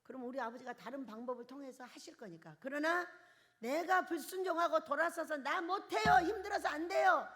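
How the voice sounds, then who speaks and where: An older woman pastor preaching a charismatic sermon, asking the congregation questions and swinging from loud bursts to soft, quiet lines. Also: high-pitched. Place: church hall.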